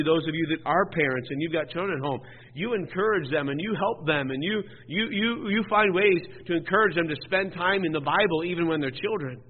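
A man preaching a sermon as pastor, urging his congregation with earnest, repeated exhortations that swell to emphatic peaks. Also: fairly high pitch. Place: church sanctuary. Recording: phone-like sound in a reverberant church hall.

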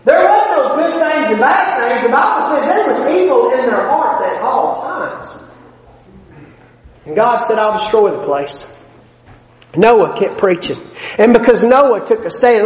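In a church sanctuary, a man preaches a sermon in a very high-pitched, expressive voice at normal speed. He is emphatic and folksy, with plain-spoken asides, and his volume swells and drops between points. The echoey hall gives the recording a long reverb.

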